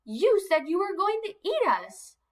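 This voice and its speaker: A woman's voice: very high-pitched, very animated, a little slow, far from the mic, voice pushed up, full character voice. A woman voicing a small, brave young billy goat in a picture-book read-aloud, earnest and pleading.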